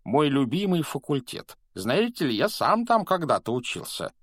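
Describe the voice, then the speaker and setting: A man's voice: on the high side, big pitch swings, normal speed, fairly bright tone, dry recording, studio quality, pitched above the performer's own voice. A man doing a cheerful fat friar ghost. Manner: cheerful, beaming.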